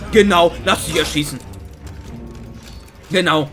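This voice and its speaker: A man's voice: fairly high pitch, unhurried, over music. A man giving casual gameplay commentary, grumbling in a mocking, sarcastic way. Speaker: gaming video creator.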